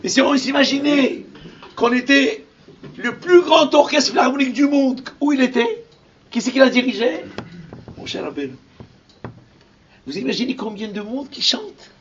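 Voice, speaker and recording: A man giving an impassioned sermon as a rabbi, dropping to whispers and rising to shouted verses. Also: very high-pitched, lively intonation, moderate pace, long pauses, slight background noise. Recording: distant lo-fi recording.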